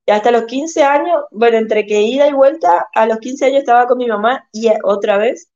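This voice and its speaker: A woman chatting on a podcast as a guest, speaking haltingly with many restarts. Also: a little high, darkish tone, muffled recording. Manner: halting, restarts often, thoughtful. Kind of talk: casual chat.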